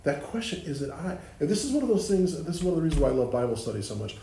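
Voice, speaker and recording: A man's voice: fairly high pitch, very animated, very fast, dark tone, a little hiss or hum. A man leading a group Bible study, explaining the text with restarts and questions to the group. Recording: echoey room with faint ambience.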